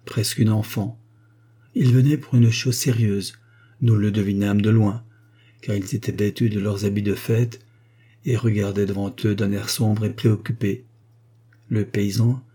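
A man reading a classic story aloud in a measured, calm storytelling voice. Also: on the low side, husky. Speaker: audiobook reader. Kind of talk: scripted narration.

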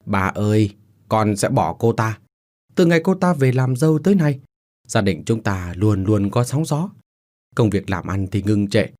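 A man's voice: lowish voice, expressive, normal speed, darkish tone, close to an everyday voice. A man playing a cruel, violent husband who barks threats in an audio story. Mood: cold. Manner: harsh, threatening.

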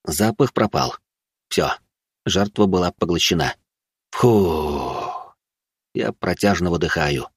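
A man's voice: low-pitched, expressive, slow, pauses often, slightly rough, no echo. A man narrating an audiobook in the first person with dry, sardonic storytelling.

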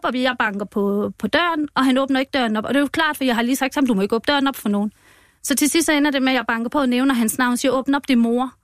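A woman who is a mother, telling a personal account as a guest in an interview, halting and emotional with many restarts. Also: high-pitched, fairly bright tone, no room sound, studio quality. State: moved.

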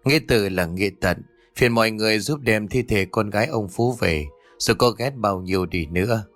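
A man voicing a stern older Buddhist exorcist who speaks in a measured, commanding way in a ghost story. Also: fairly low pitch, fairly bright tone, faint music behind, lightly acted. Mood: solemn.

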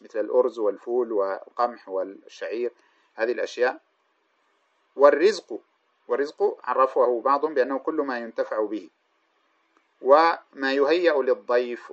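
Fast-talking male scholar on lo-fi audio. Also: mid-range voice. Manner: explanatory, pauses and corrects himself mid-sentence. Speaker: Islamic scholar teaching hadith. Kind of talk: religious lecture commentary. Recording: dull lo-fi recording.

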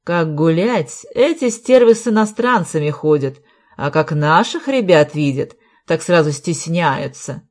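A woman's voice: low-pitched, animated, measured pace, darkish tone. A woman reading an audiobook, voicing a gloating, coarse older man. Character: spiteful red-nosed older man.

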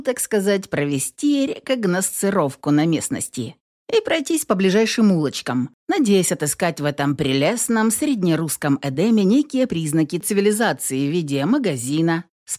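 A woman narrating an audiobook chapter in an expressive, ironic storytelling manner. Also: low voice.

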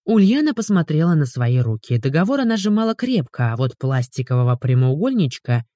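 Animated, mellow woman narrating an audiobook. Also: low voice, brisk, no echo, studio quality.

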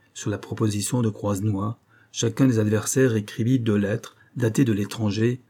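A man narrating a novel as an audiobook, reading in a steady, measured way. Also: on the low side, breathy edge.

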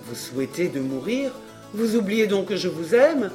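An earnest young man in love speaks with urgent concern, voiced by a man in an audiobook. His voice sits a little high for a man. Soft music plays faintly underneath. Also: very animated, moderate pace.

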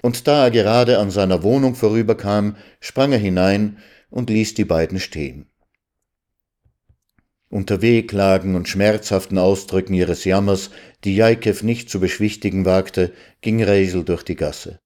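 A man narrates an old literary tale in a calm, measured way. His voice sits low and mellow, unhurried and even. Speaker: reader. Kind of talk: literary reading.

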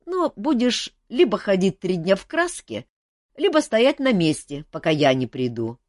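A woman's voice: mid-range voice, big pitch swings, a little slow, darkish tone, no room sound, pitched above the performer's own voice. A woman voicing a tired, joking male court jester who mocks himself and others in a dry room. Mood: wry, weary. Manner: wry, self-mocking banter.

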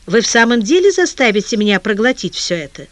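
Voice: mid-range voice, sing-song, fast talker, fairly bright tone, no echo. Fragile young woman, trembling, tearful edge, dry close sound, as a reader puts her on. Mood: subdued. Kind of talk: audiobook character reading.

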